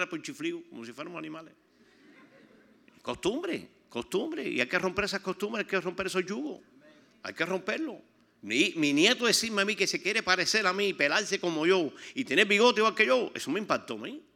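Here an older Cuban-accented man delivers a sermon testimony, his voice sitting high, gravelly and quick. He brings his stories to life, acting out each person he quotes.

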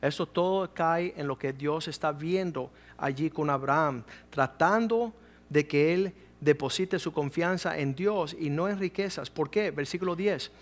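A middle-aged male pastor delivers a sermon in a fairly high-pitched voice. He tells stories from his ministry with animation and acts out the people he quotes. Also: a little slow.

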